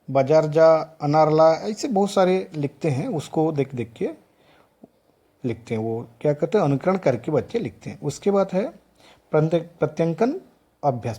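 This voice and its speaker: A middle-aged man with a highish, mellow, husky voice is lecturing a class of teacher trainees. He lists examples one word at a time and keeps restarting.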